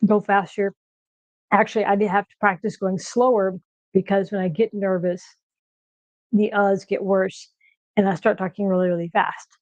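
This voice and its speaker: A middle-aged American woman chats with viewers on a home cooking stream. She rushes her words when she gets excited and stops now and then to find the next one. The sound is dull and lo-fi, with a dry, close feel. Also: medium pitch, dry recording. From United States. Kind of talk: casual chat on a cooking stream. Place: home kitchen.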